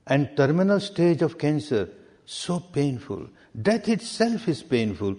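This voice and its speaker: A man's voice: fairly high pitch, big pitch swings, mellow. Man teaching in a hall. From Myanmar. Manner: deliberate, repeats key words for emphasis. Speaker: meditation teacher. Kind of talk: answering questions in a spiritual talk. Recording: long reverb of a hall.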